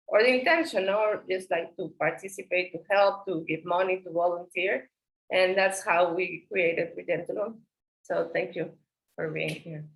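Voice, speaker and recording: A woman co-founding a local project, speaking haltingly on a video call, restarting and searching for words. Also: on the low side, low-quality recording. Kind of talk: online meeting remarks.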